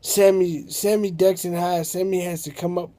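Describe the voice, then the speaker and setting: A man's voice: high-pitched, steady tone, normal speed, dark tone. A man improvising a story aloud, rambling and correcting himself as he goes.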